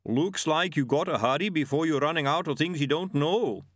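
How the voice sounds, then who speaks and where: A man voicing a huge, gentle male yeti who talks in slow, halting, broken phrases. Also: on the high side, dry recording, clean studio sound, voice pushed up. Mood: dry.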